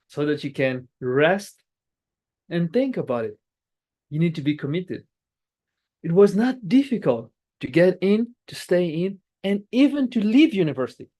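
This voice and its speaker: A lively club speech-giver from Angola, whose first language is Portuguese, delivers a prepared motivational speech in a mid-range voice. He's emphatic, repeating key phrases and restarting words.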